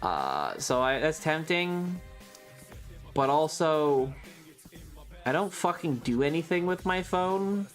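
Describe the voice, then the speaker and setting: A livestream host rambles loosely with viewers, casually swearing, in a mid-range voice with big pitch swings. The delivery is slow with frequent pauses, and soft music plays behind.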